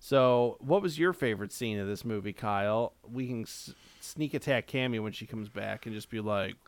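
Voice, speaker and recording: A man with vocal fry at the ends of his words, joking wryly as co-host of a casual movie podcast. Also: fairly low pitch, moderate pace, dry recording.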